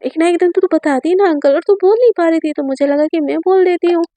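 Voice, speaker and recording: A woman's voice: extremely high pitch, fast talker, dark tone, dry recording, pitched above the performer's own voice. A woman voicing a mischievous, resentful young woman who teases her best friend mockingly. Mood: defensive, teasing. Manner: teasing, mocking.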